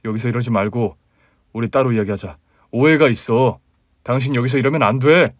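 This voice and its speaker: A man's voice: medium pitch, a little fast, no room sound, studio quality, natural voice. A man voicing a flustered, defensive husband in a read-aloud story. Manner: defensive, then pleading. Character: flustered cheating husband, middle-aged man.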